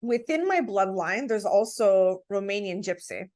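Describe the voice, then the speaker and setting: A woman's voice: medium pitch, lively intonation, a little slow, darkish tone. Earnest, emphatic woman telling personal stories. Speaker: podcast guest. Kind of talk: conversational personal storytelling.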